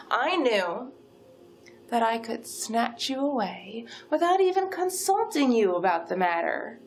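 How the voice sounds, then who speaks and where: A woman's voice: high voice, a little hiss or hum, exaggerated voice. A woman playing a possessive supernatural yandere kidnapper in a role-play monologue, gushing sweetly with unhinged menace. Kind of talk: dramatic second-person role-play monologue.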